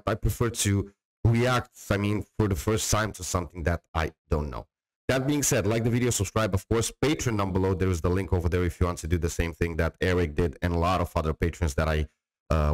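A middle-aged man with a low, deep voice talks close into a studio microphone in a small dim room. He chats loosely and rambles, restarting his sentences and filling gaps as he goes. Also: poor audio. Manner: rambling, with many restarts and fillers. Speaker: reaction channel host. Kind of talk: casual talk to camera. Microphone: studio mic on a boom, close.

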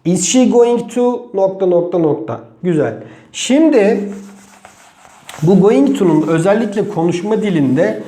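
A native Turkish-speaking man teaches English grammar at a slow, deliberate pace, breaking example sentences apart word by word. His voice sits high but sounds mellow and soft-edged. The recording rings with the echo of a bare room. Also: expressive. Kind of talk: online grammar lesson.

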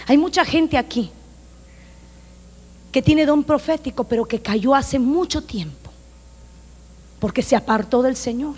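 A woman's voice: high voice, a little slow, long pauses, slightly rough. Emphatic Honduran woman preaching in a reverberant church. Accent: Honduran Spanish. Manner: emphatic, preaching loudly with acted-out quotes. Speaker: pastor. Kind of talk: sermon. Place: church sanctuary. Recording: long reverb of a church hall.

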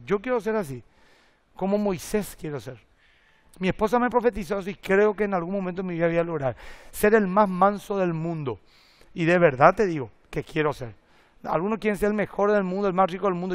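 Animated pastor, high voice. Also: male voice. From Paraguay. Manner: animated storytelling with acted-out quotes and jokes. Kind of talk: sermon.

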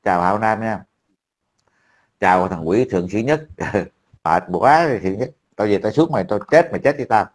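A man's voice: fairly low pitch, expressive, moderate pace. A man, talking casually to a friend as an online commentator, blunt, profane and mocking.

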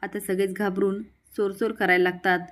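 Woman, storyteller, serial recap narration, plain steady delivery, medium pitch. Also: brisk.

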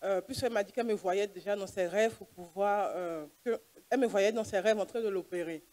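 A woman's voice: medium pitch, brisk, a little mellow. A woman, a doctor giving an earnest church testimony and acting out the dialogue as she tells it. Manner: earnest storytelling, plays out dialogue.

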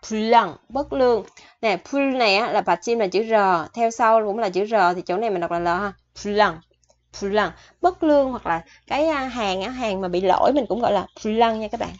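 A woman teaching a vocabulary lesson, repeating each word slowly and then explaining it in a chatty way. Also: medium pitch. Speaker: Korean language teacher. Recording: dull lo-fi recording.

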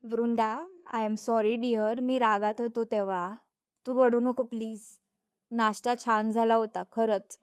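A woman voicing a young husband in an audio story reading, earnest and pleading, in a slow, even voice. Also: on the high side, clean tone. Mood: tender. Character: young husband, stern then tender.

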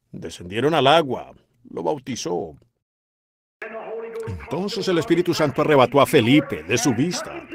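Impassioned male preacher, lively pitch. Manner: impassioned, exclaiming preaching with rhetorical questions. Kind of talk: fervent sermon. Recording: congregation noise behind.

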